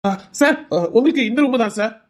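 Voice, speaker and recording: A man's voice: very high voice, brisk. A raised, eager voice tumbles over itself: a jittery junior constable fussing to please his strict boss, as a man puts him on. Flustered comic asides fill this homemade audio drama.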